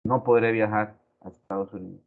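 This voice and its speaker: A man teaching a grammar lesson slowly and deliberately, repeating his examples. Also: lowish voice, fairly even intonation. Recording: tinny phone-like recording.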